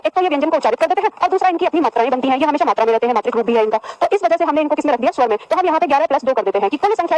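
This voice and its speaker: A woman teaching a Hindi grammar lesson to a class, asking questions and answering them herself, and repeating phrases slowly for students to write down. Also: very high-pitched, no echo, rough recording. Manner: addresses students as "beta", repeats phrases for dictation.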